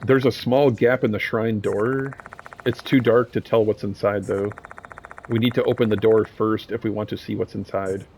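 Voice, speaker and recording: A man's voice: on the low side, fairly even intonation, moderate pace, vocal fry, a little mellow, slight background noise. A young man casually playing a horror game, reading its text aloud and joking with slang between lines. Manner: casual, joking, says "dude" and "bro". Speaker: gameplay streamer.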